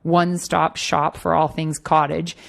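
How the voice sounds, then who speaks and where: Low gravelly-voiced woman, chatty guest. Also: level tone, measured pace. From Toronto, Canada. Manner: conversational with frequent fillers and restarts. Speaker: magazine editor-in-chief, guest. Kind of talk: relaxed interview answers.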